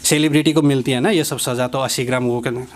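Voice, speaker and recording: A man's voice: medium pitch, fairly even intonation, quick pace, pitched below the performer's own voice, natural voice. A man voicing an eager young male TV reporter who keeps addressing his boss as sir. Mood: eager, deferential. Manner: eager and deferential, says "sir" a lot.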